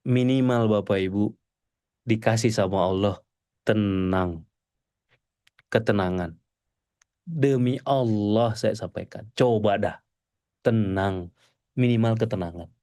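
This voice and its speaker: A male preacher giving a mosque sermon to a congregation, animated and pleading, swinging between loud exclamations and soft murmurs. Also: on the low side, no echo, studio quality.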